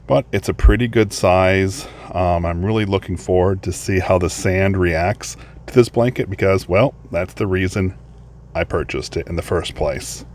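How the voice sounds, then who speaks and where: A man's voice: sits low, normal speed, a little mellow, a little hiss or hum. A man chatting casually and upbeatly as he reviews a product, partly outdoors at a beach. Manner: chatty, upbeat, thinking aloud.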